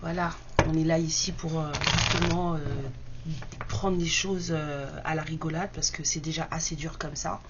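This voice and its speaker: A woman's voice: low-pitched, little pitch movement, moderate pace. A woman hosting card-reading guidance in a casual, blunt, unscripted monologue, speaking with one side of her mouth numb from the dentist. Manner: blunt, unapologetic, colloquial. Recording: dull muffled sound, faint background noise.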